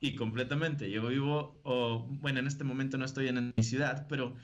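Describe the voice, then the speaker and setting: A man's voice: mid-range voice, steady tone, normal speed, lo-fi sound. A man with a northern Mexican accent, a preacher talking casually as an interview guest and laughing often.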